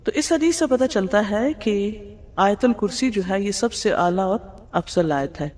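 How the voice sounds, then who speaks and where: A female Islamic teacher delivers a religious lecture explaining hadith, speaking in an explanatory manner, posing rhetorical questions and mixing in English words. Her mid-range voice is expressive and a little mellow, with a long reverb like that of a large hall.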